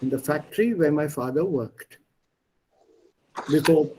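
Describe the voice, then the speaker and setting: Patient explanations mark this online German class, taught in English over video by a man with an Indian accent whose native language is Gujarati; he slows down to highlight key words. His voice is on the high side and mellow. The poor audio has slight background noise.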